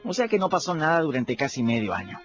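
Narrating his own adventures in first person, a scrappy boy in a radio drama talks fast and candidly, his pitch swinging lively. He's chatty and confiding, addressing listeners directly as he tells his story, while the somewhat muffled sound sits over music.

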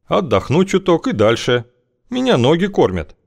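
A man's voice: a little high, wildly swooping pitch, moderate pace, gravelly, a little mellow, voice pushed up, full character voice. A man reading an audiobook, voicing a guarded, evasive wanderer with a dry, wry way of talking.

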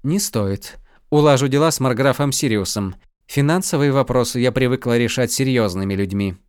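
A proud sorceress and healer answering the count with icy restraint, as a man reads her. The delivery is quiet, curt and controlled, with little warmth. The recording is dry and close. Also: mid-range voice, moderate pace, smooth, dry recording, close to an everyday voice. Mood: cold. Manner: cold, curt. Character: adult female sorceress and healer, cold, proud.

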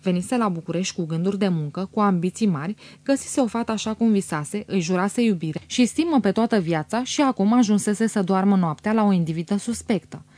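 A woman reading a classic novel aloud in a measured, even audiobook narration. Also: medium pitch, no room sound.

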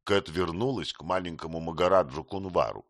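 A man narrating an audiobook in a measured way, recorded on a close studio mic. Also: no echo. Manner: measured, low, lowering pitch for narration. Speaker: audiobook reader. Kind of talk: scripted narration.

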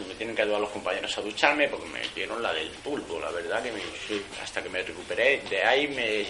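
A man's voice: medium pitch, background noise. A man recounting his own experiences in a casual, colloquial way, blunt and full of slang and swearing, restarting his sentences as he goes. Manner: animated retelling, with many restarts. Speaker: former prisoner giving a testimony. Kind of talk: casual spoken storytelling.

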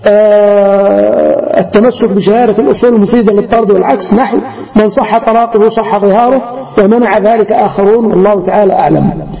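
A man teaching a religious text in a measured, deliberate way, asking questions and answering them himself. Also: high voice. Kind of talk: classroom lecture explaining a text. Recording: echoey hall, dull lo-fi sound.

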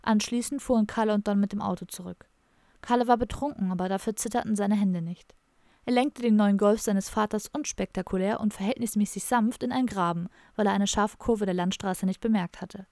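A woman reads a comic audiobook in a dry, matter-of-fact way. Her voice has a gravelly, fry-tinged texture and sits close on the mic in a completely dry recording. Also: mid-range voice, fairly quick, a little mellow, no echo. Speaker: audiobook narrator. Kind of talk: scripted audiobook narration.

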